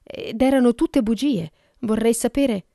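A woman's voice: on the low side, brisk, creaky, dark tone, no echo, studio quality. Flustered butler, shaken and protesting, read by a woman. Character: shaken older male butler.

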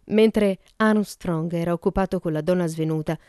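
Audiobook narrator, woman, low and mellow, dry and close. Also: moderate pace, no echo. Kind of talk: scripted narration.

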